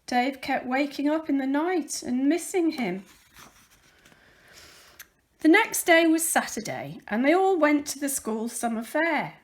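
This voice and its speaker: A woman with a high-pitched voice reads a children's picture book aloud at an unhurried pace. Her storytelling is expressive, deliberate and careful, with dramatic emphasis.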